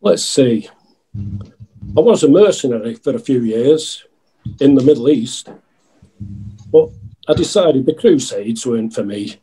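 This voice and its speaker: A man playing an earnest, genial out-of-work outlaw in a pantomime sketch, with a husky voice. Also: medium pitch, expressive, unhurried, long pauses, mellow, low-quality recording.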